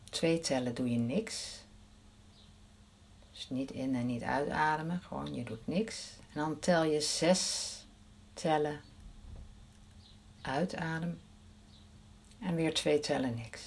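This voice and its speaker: A woman leading a guided breathing meditation in a soft, soothing voice, counting the breaths aloud. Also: deep voice, takes it slowly, long pauses, slight background noise.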